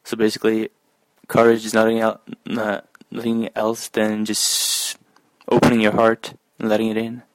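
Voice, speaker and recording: A man hosting a conversational interview, talking in a thoughtful, halting way. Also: lowish voice, completely flat delivery, dry recording, poor audio. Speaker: interview host.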